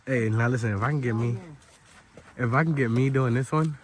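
A man's voice: medium pitch, brisk. A young man filming himself on a snowy mountain climb, talking straight to his viewers in slangy, hyped casual speech. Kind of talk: casual vlog narration while climbing. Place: snowy rocky mountain trail outdoors. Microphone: handheld phone camera. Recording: outdoor wind and handling noise.

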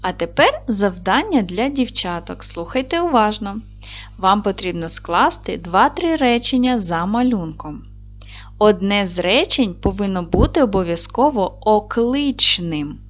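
A woman teaching a recorded lesson to young children. She is patient and encouraging, asks questions, and answers them herself. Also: mid-range voice. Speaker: primary school teacher.

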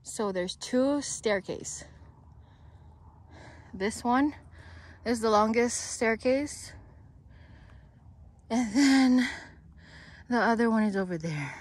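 Woman, travel vlogger, casual outdoor narration, slow and easygoing, laughs often, handheld camera. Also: fairly high pitch, animated. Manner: chatty, laughs often, coos to her baby. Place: outdoors on canyon trails.

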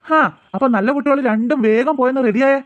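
A man's voice: very high voice, no echo, dull audio. A man voicing a jokey cartoon dad. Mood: teasing. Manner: jokey, coaxing, quick talk. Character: easygoing father of two girls, teasing. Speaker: father.

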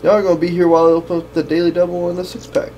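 A man's voice: sits high, completely flat delivery, rapid-fire, a little mellow, slight background noise. A young man doing casual gameplay commentary in a sweary, slangy, complaining way. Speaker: gaming video host.

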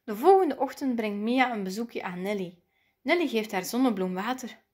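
Higher-voiced woman reading a picture book. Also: normal speed. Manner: lively, playful voices for the characters. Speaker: storybook reader. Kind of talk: expressive children's picture book read-aloud.

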